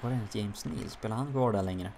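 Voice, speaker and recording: A man giving casual commentary on his own hockey game, jumping high and loud during the plays. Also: vocal fry, a little hiss or hum. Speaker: gaming YouTuber.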